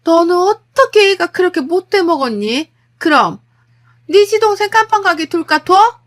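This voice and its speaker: A woman voicing an older mother-in-law who pleads slowly and then screams and scolds. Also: sits high, expressive, a bit bright, voice pushed up. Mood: shrieking. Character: shrill, guilt-tripping older mother-in-law. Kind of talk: storytelling with acted dialogue.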